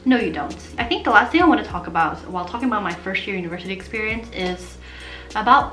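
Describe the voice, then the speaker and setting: Chatting animatedly to the camera, a young Portuguese woman vlogger talks casually and moves her hands as she speaks. She has a mid-range voice, and the room sounds echoey.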